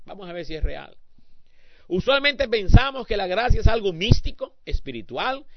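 A man preaching a sermon who swings between hushed asides and loud, emphatic appeals to the congregation. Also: high-pitched, no echo. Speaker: pastor. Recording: dull lo-fi sound.

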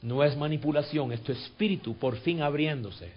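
A pastor leading his congregation in a sermon and guided prayer. He repeats scripture lines, swells to fervent peaks and sinks to soft, coaxing tones. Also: fairly high pitch, normal speed, lo-fi sound. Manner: repeats phrases and drills scripture.

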